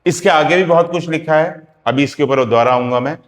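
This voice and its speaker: A man teaching phonetics, spelling out sounds slowly and repeating examples. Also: on the high side. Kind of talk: classroom lecture. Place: classroom. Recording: echoey classroom with long reverb.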